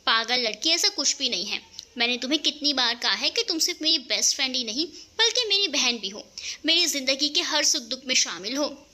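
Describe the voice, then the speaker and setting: A loving young woman pleads with and soothes her best friend. A woman storyteller voices her in a very bright, high voice full of lively rises and falls. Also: a little fast, full character voice. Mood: coaxing. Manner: coaxing, affectionate pleading.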